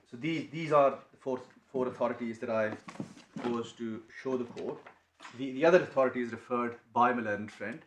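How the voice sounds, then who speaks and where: A man making a legal submission to appeal judges, halting and restarting often as he speaks. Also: medium pitch. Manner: halting, many restarts and repeated words. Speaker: barrister. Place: courtroom. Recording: echoey courtroom, faint noise.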